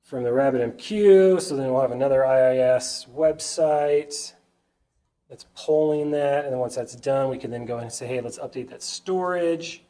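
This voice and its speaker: A man's voice: mid-range voice, moderate pace, warm tone. A man with a stuffy, nasal voice from a sinus cold, giving a casual whiteboard tech talk to a user group and often checking in with the audience. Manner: chatty, keeps asking the audience "right?".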